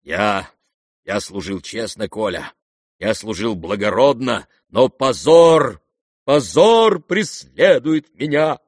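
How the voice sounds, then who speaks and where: A man's voice: lowish voice, dry recording, studio quality. A man voicing an old disgraced general in an audiobook, rambling and sentimental, given to theatrical outbursts. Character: old drunken disgraced male general, maudlin and boastful. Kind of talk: audiobook character reading.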